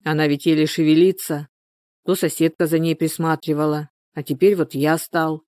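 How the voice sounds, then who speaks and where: A woman's voice: low-pitched, little pitch movement, normal speed, a little mellow, no room sound, clean studio sound, natural voice. A woman voicing a weary village husband who speaks bluntly and lays down his terms. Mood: gruff.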